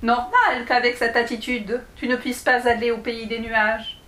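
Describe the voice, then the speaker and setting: A woman voicing a small male dwarf in a read-aloud storybook, calm and matter-of-fact but easily annoyed. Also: fairly high pitch, a little slow, echoey room.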